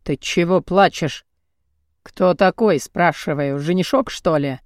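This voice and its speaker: Crude muscleman voiced by a woman, mocking, blunt, very low voice, dry recording, audiobook. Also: dry recording, lightly acted. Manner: taunting, blunt and slow. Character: crude cocky muscular young man, mocking and pushy. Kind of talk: audiobook character voice.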